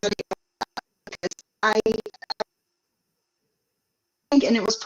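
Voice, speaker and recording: A woman's voice: on the high side, steady tone, a little slow, music in the background. A woman co-hosting a livestream over a connection that keeps dropping out, choppy and robotic, sounding apologetic and flustered. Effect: choppy, robotic call audio cutting out. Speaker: livestream co-host. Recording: dull lo-fi call audio.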